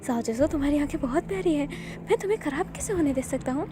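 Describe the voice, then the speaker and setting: A woman voicing an unhinged male doctor obsessed with eyes, talking in a rapid, sing-song, pleading insistence in a fan-fiction story. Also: high voice, animated. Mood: shrill frantic.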